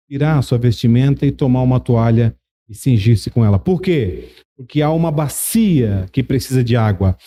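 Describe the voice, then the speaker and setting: Pastor guy preaching hard, keeps repeating himself, warm dark voice. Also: medium pitch. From Brazil. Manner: emphatic, repetitive preaching with rhetorical questions. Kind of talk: sermon.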